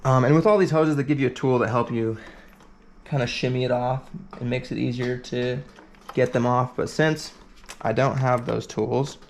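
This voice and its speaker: Thinking aloud while he works, a man walks through a casual hands-on repair, rambling and using fillers, as a competitor describing a repair event. He has a mid-range voice with fairly even intonation at normal speed, over slight background noise.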